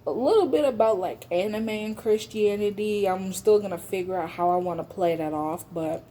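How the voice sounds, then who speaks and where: A woman's voice: mid-range voice, moderate pace, warm tone, a little hiss or hum. A young woman speaking casually and candidly at school, sharing a personal testimony on her vlog with many fillers. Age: young adult. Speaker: channel host. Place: at school, in public.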